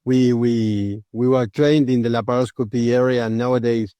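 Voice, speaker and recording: A man's voice: medium pitch, fairly even intonation, normal speed, dark tone, no room sound. A young man from Argentina, interviewing a guest and asking questions with fillers and repeated restarts. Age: young adult. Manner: repetitive restarts, many fillers. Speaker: interviewer, surgeon.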